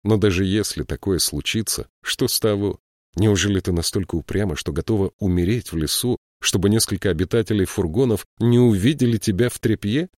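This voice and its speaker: A man reading the lines of a weary, haunted prince in a slow, grave way. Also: lowish voice, a little mellow, no room sound, clean studio sound, lightly acted. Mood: exasperated.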